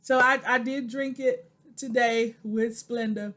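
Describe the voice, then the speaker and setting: A woman's voice: fairly high pitch, steady tone, a little slow, a bit bright. A woman in her forties recording a personal video diary, talking to viewers in an earnest, preacherly way and repeating phrases for emphasis. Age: 40s. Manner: addresses viewers directly as "y'all". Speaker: vlogger.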